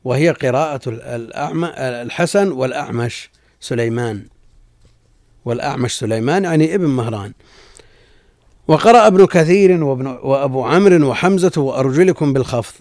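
A man teaching as a sheikh, reading out a classical text and explaining it in a measured way, often repeating lines for emphasis. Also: mid-range voice, expressive, darkish tone, dry recording, studio quality.

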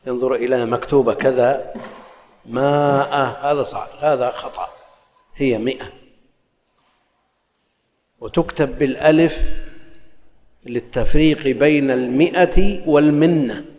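An Islamic scholar teaches hadith in a medium-pitched, slightly mellow voice at normal speed. He explains the texts, shifting between formal recitation and colloquial asides, and the recording has long hall reverb.

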